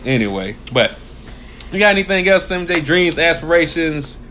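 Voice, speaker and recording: A young man, co-hosting a casual podcast. He is animated, laughs often and jumps up into high exclamations. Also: normal speed, noisy background. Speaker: podcast co-host. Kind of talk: casual chat.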